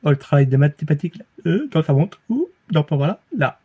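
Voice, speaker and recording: A man's voice: a little high, animated, quick pace, husky, phone-quality sound. A man with a Belgian French accent reviewing beers in a casual, rambling way, full of fillers, false starts and hesitations, recorded in a room at home.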